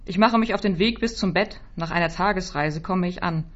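A woman giving a quiet, measured first-person literary reading, her voice often dropping softly, in a slightly dull recording. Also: fairly low pitch. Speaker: reader.

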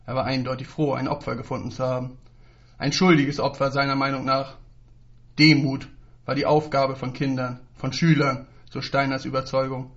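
A man narrating a story in measured storytelling style. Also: medium pitch, flat delivery, fairly bright tone. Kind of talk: scripted narration. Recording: dull lo-fi recording.

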